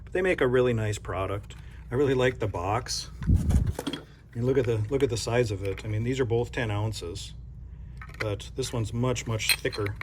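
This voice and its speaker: A man's voice: mid-range voice, moderate pace, noisy background. A man from North Dakota who runs a coin shop, chatting casually and thinking aloud as he unboxes silver bars, with self-deprecating asides.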